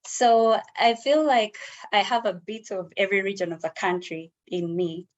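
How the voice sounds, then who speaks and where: A woman with a Ugandan accent giving a prepared personal speech in an online club meeting, speaking in a measured, deliberate way. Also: medium pitch, steady tone, muffled recording. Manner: measured, deliberate delivery with pauses. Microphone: video call.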